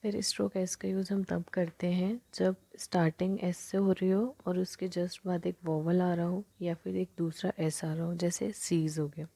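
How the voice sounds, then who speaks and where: A woman's voice: lowish voice, level tone, normal speed, gravelly, hardly any pauses, mellow. A woman teaching shorthand in Hindi mixed with terms, often sinking to a near whisper while she writes the strokes. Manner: mixes Hindi with English terms.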